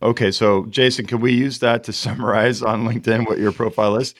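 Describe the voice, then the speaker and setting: A man's voice: medium pitch, flat delivery, a little fast. A middle-aged man hosting a podcast, joking and laughing often in casual chat. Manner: jokey, upbeat, laughs often. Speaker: podcast host.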